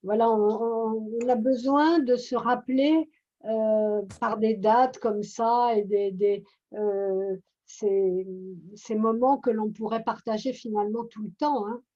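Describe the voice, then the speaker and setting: A woman leading a group meditation on a video call, talking gently and unhurriedly, often restarting her phrases. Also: fairly high pitch, steady tone, takes it slowly. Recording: muffled video-call audio.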